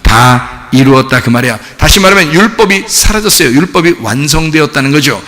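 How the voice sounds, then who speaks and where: A man's voice: a little high, brisk, long reverb tail. A male pastor preaching a sermon in a church, asking the congregation questions and acting out little scenes. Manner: lively preaching with acted-out dialogue and rhetorical questions. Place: church sanctuary.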